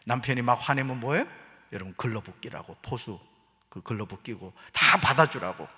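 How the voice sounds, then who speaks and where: A man's voice: medium pitch, fairly quick. A middle-aged man preaching a sermon as pastor, joking with the congregation and then turning earnest. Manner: humorous, animated preaching with jokes and quoted voices. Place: church sanctuary. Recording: church hall reverb.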